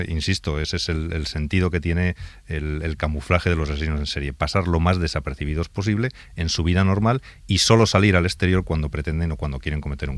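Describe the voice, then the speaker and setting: A Spanish police inspector with a Spanish accent answers interview questions hesitantly, using many fillers. His voice is deep, and there's no echo.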